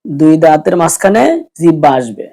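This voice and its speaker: A man teaching letter pronunciation in a lesson, speaking deliberately and repeating each sound to demonstrate it. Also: a little high, lively intonation, gravelly, warm tone.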